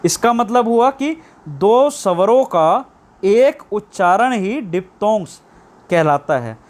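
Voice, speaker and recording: A man teaching shorthand online, explaining slowly and repeating key terms as questions. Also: high voice, animated. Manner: drawn-out stress on English terms. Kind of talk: online lesson.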